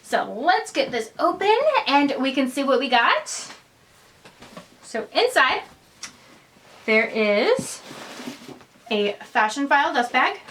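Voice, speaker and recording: Young woman vlogger, kinda high voice, excitable rambly unboxing chat, faint hiss behind. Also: slow pace, pauses often, poor audio. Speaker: fashion vlogger.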